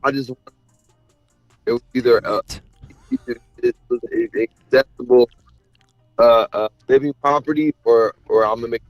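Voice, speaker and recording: A man's voice: medium pitch, normal speed, pauses often, no room sound, dull audio, faint music behind. A man calling in on speakerphone with the phone held away, talking loosely and repeating words as he thinks. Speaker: caller on a phone line. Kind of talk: casual chat. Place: other location, calling in by phone. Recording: distant, breaking-up speakerphone line.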